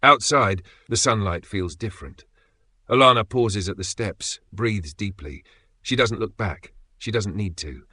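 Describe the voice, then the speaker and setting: Man, scripted story narration, measured pacing, dramatic pauses, dry studio sound. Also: lowish voice, sharp tone, breathy edge, no echo.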